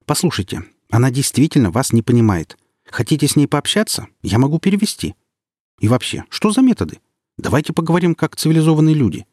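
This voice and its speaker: Man doing a feisty young woman, higher voice, sharp indignant retorts, husky edge, dry sound. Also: sing-song, fast talker, few pauses, no room sound. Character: young woman, bold and quick-tempered.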